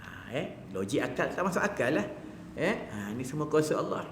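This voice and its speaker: In an echoey mosque hall with long reverb, a religious teacher with a Malaysian Malay accent gives an evening lecture, his mid-range voice moving at normal speed over a little hiss or hum. He tells a story with humour, animated and joking, acting out the voices of its characters.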